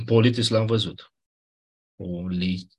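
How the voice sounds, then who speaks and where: A man teaching a class, explaining grammar rules patiently, often checking that students follow and clearing his throat now and then. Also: on the low side, a little mellow. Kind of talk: classroom lecture on Ancient Greek grammar.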